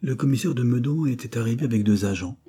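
A man narrating an audiobook in a steady, even reading voice. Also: medium pitch, fast, slightly rough. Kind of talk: audiobook reading of a classic novel.

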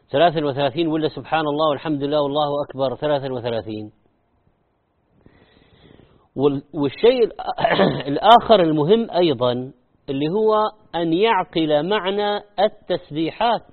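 Man teaching recitation, tinny sound. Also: on the high side. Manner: demonstrates wrong and right recitation by repeating phrases. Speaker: Islamic teacher. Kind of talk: religious lesson.

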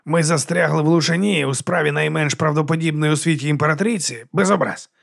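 A man's voice: fairly high pitch, fast, creaky, fairly bright tone, pitched above the performer's own voice. Man doing a grumpy sarcastic necromancer guy. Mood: sardonic. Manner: sarcastic, grumbling. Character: sardonic male necromancer, grumbling.

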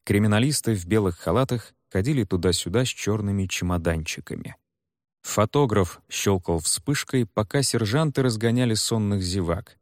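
A man narrating an audiobook in an expressive, dramatic way. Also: lowish voice, normal speed, dry recording, studio quality.

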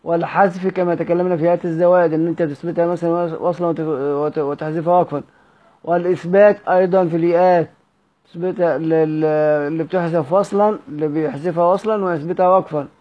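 Egyptian-accented male teacher, higher register, repetitive quizzing delivery; muffled lo-fi recording. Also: fairly even intonation, fast. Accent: Egyptian Arabic. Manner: repeats key words, quizzes listeners with rhetorical questions. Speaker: Quran recitation teacher. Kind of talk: Egyptian Arabic lesson on recitation rules.

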